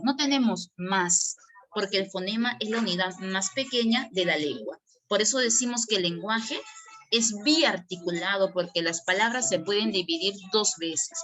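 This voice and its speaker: A woman's voice: fairly high pitch, bright, forceful tone. A woman giving an online language lesson as a teacher, asking and answering her own questions as she explains.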